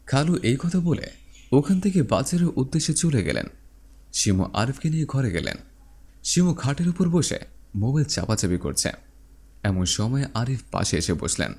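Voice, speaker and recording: A man's voice: big pitch swings, normal speed, a little mellow, husky. A man narrating a dramatized story and giving each character a voice of its own. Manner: voices every character with shifts in pitch.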